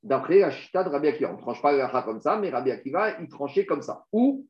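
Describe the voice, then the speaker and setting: A man's voice: on the high side, sing-song, quick pace. A man teaching a Talmud class, reading Aramaic passages and explaining them step by step, asking questions and answering them himself. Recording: dull, echoey room recording.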